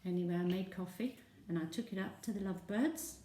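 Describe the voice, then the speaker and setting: A woman's voice: medium pitch, a little fast, dark tone, a little hiss or hum. A woman, telling a chatty first-person comic monologue with sung and whispered asides. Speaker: storyteller. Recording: roomy echo, voice from a distance.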